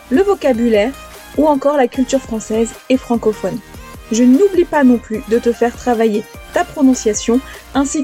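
A woman hosting a podcast language lesson, explaining pronunciation clearly and slowing down to spell out examples. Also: on the high side. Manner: lively, clear teaching with slow, spelled-out examples. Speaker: French teacher and podcast host.

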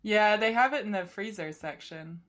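A woman co-hosting a podcast, chatting casually in a teasing, expressive way. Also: medium pitch, normal speed. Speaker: podcast co-host.

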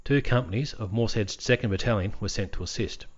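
A man hosts a history podcast, slipping dry, wry asides into his narration. His voice sits fairly low. The audio sounds a little dull and lo-fi. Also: brisk, slightly rough. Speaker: podcast host.

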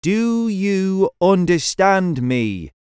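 A man's voice: mid-range voice, very animated, brisk, no room sound, studio quality, close to an everyday voice. A man voicing an earnest, curious adult space captain who talks in a raised, eager voice. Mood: questioning.

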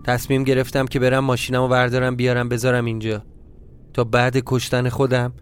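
A man's voice: mid-range voice, monotone. Male storyteller, brooding tense first-person narration over faint music. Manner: brooding, tense inner monologue.

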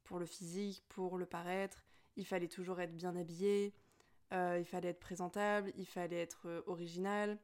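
A woman's voice: fairly low pitch, little pitch movement, moderate pace, a little mellow. A young woman of Spanish and Portuguese family speaking in a personal, reflective monologue, hesitant with many fillers and restarts.

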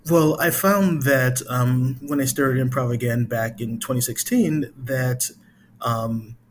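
Middle-aged American male interview guest, mid-pitched, halting casual delivery, some background noise. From Chicago, US. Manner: halting, hesitant, thinking aloud. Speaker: interview guest, improv company founder.

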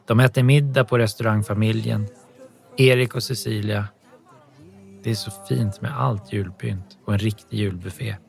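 A man narrating an audiobook in a calm, even storytelling manner. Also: lowish voice, vocal fry, soft background music.

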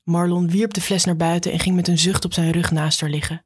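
Husky woman reading an audiobook. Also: lowish voice, fairly even intonation, a little fast, no echo, studio quality. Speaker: narrator. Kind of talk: audiobook narration.

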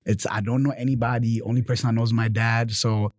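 A man in his twenties, born in Germany, telling his story in a casual interview, animated, often adding "you know" and "right?". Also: mid-range voice, fast, dry recording, studio quality. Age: 20s. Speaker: guest.

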